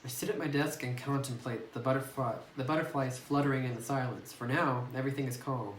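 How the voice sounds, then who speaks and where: Steady in tone and a little fast, a medium-pitched man reads through a horror visual novel and reacts anxiously to its scary moments. His let's play is captured by a phone mic some distance off, with room echo and noise.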